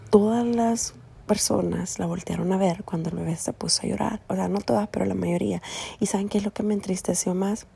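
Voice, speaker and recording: A woman's voice: mid-range voice, gravelly, dark tone, breathy edge. A young woman, a mother, telling a story in an earnest, indignant way. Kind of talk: casual vlog monologue.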